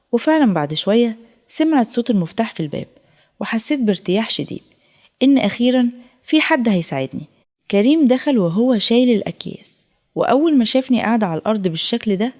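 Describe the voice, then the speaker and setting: Egyptian female narrator: brisk, mellow, dark-toned, emotional storytelling. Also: on the high side. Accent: Egyptian Arabic. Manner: emotional, tearful retelling in a steady flow. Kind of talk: first-person dramatic story narration.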